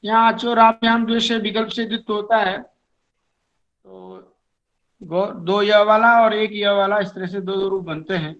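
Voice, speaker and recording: A man with a high voice teaches Sanskrit grammar at an unhurried pace. He explains each rule and then recites the declined forms in measured, chanting lists. The recording sounds dull and lo-fi. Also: fairly even intonation, fairly bright tone. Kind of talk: slow explanatory lecture.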